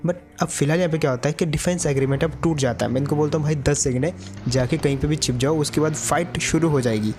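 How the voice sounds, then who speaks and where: A man's voice: a little high, quick pace, a little mellow, faint music behind. A man giving chatty gameplay commentary to his viewers, calling them brother. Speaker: gaming YouTuber.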